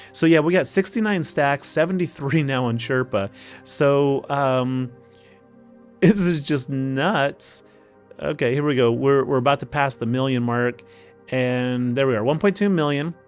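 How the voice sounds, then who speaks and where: A man's voice: mid-range voice, measured pace, clear, resonant tone. A man with an Oklahoma accent giving casual strategy commentary as host of a gaming video, talking to himself in a folksy way. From Oklahoma, United States. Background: music.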